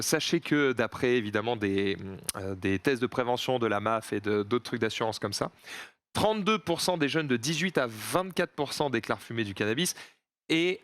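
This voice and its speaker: A man's voice: medium pitch, a bit bright, no room sound. A man hosting a casual show, reading out statistics and hesitating often between them. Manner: presents statistics, hesitant with fillers. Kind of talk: casual chat.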